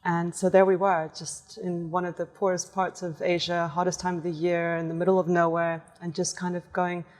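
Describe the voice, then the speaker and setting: Interview guest, female artist, fairly low voice, lively storyteller, reverberant room. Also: moderate pace, hardly any pauses. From born in Portugal, raised in several countries. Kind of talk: conversational storytelling.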